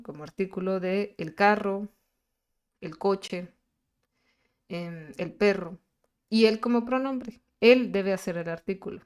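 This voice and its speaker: A woman teaches in a screen-recorded lesson. She speaks at a middle pitch and explains slowly and patiently. She pauses often and fills the gaps with hesitant sounds.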